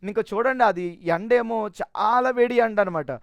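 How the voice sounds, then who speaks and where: A man's voice: sits high, normal speed, no echo. A man giving a personal testimony in an earnest, emotional way, often restarting his sentences.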